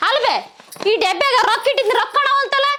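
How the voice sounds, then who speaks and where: A woman's voice: extremely high pitch, quick pace, bright, forceful tone, a little hiss or hum. A middle-aged woman playing a fretful, complaining village mother. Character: worried village mother of grown children. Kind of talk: village short-film acting.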